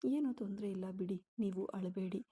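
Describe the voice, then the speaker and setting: Woman doing sad young wife in a story, mellow husky voice. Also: medium pitch, moderate pace, lightly acted. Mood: sorrowful. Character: heartbroken young pregnant wife talking to a photo.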